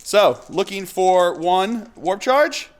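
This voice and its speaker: A man hosting a tabletop wargame battle report, giving casual play-by-play of dice rolls. He gets excitable, laughing often and bursting into whoops. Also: high-pitched, takes it slowly. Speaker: host and player.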